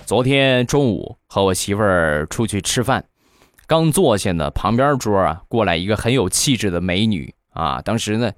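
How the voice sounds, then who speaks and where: A man's voice: on the low side, lively intonation, normal speed, dry recording, clean studio sound. A man hosting a comedy show, telling comic anecdotes in a chatty storytelling manner.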